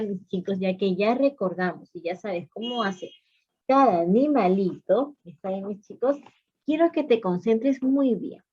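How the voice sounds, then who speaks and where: A woman's voice: medium pitch, dull audio. A woman preschool teacher talking to small children as if to toddlers, in simple, repetitive, sing-song encouragement. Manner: repeats phrases and questions for young listeners.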